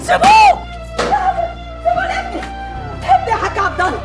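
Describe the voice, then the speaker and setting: A frantic wailing Egyptian wife. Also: female voice, high-pitched, lively intonation, rapid-fire, over loud music, over a noisy crowd. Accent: Egyptian Arabic. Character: scheming wife turned grieving mother. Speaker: wife in a film drama. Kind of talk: film drama acting.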